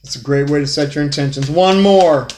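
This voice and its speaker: A man's voice: fairly high pitch, a little fast, darkish tone, slight background noise. A man giving a casual tarot reading, talking straight to the viewer in a folksy way and repeating his phrases. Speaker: tarot reader. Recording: echoey room.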